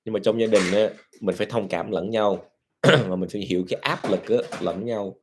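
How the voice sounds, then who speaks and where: A man's voice: on the low side, moderate pace, noisy background. A man, a Buddhist monk, counseling a married couple, lecturing earnestly with rhetorical questions. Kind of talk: counseling session, mixing Vietnamese and English.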